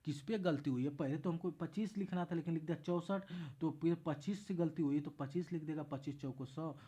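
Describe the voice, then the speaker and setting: A man's voice: a little high, a little fast, dark tone, breathy edge. A man tutoring math in a casual exam-prep lesson, walking through each step and repeating himself as he explains.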